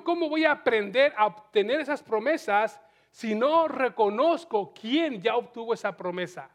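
A man preaching a sermon, putting questions to the congregation and rising in fervor as he urges them on. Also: a bit bright. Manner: rising to a fervent pitch when urging the congregation; asks the audience questions and restarts phrases.

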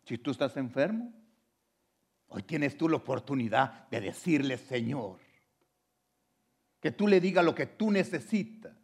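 A man preaching a sermon as pastor at a church service, moving between loud fervent appeals and hushed, quiet passages. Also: medium pitch, lively intonation, a little slow, pauses often, husky.

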